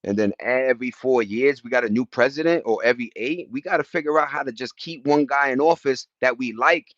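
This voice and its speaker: In a muffled recording without room sound, an American livestreamer with a mid-range, slightly bright voice talks fairly quickly. He reads and responds to chat messages, rambling passionately and emphatically in casual, slangy street talk.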